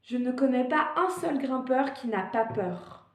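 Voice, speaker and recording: A woman's voice: sits high, lively intonation, a little slow, roomy sound. A woman vlogger giving casual advice on climbing fears, often hesitant, with fillers and restarts.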